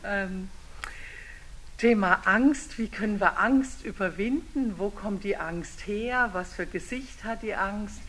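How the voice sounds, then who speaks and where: Older German woman giving a lively talk. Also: medium pitch, slow pace, slight background noise. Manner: informal, lively, storyteller's rhythm. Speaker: speaker, theology lecturer. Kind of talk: public talk with a picture-book read-aloud.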